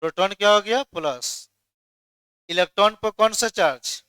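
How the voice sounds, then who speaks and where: A man's voice: high voice, normal speed, pushed and bright, clean tone, no room sound. A man teaching chemistry in a classroom lecture, firing questions at students and then answering them himself.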